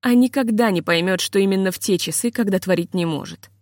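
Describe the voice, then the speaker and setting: A woman reading a literary story aloud in a measured, expressive way. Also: medium pitch, dry recording, studio quality. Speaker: audiobook narrator.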